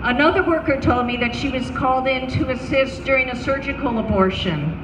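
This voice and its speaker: Echoey distant recording, woman, higher-pitched voice, solemn deliberate delivery, prepared speech. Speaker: public speaker, anti-abortion counselor. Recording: roomy, distant mic, noisy ambience.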